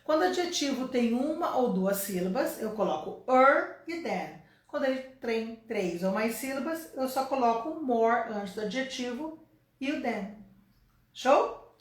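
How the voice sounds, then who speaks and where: A woman's voice: on the high side, expressive, measured pace, roomy sound. A woman from Brazil teaching a casual online English lesson, explaining step by step and checking in with her listeners often.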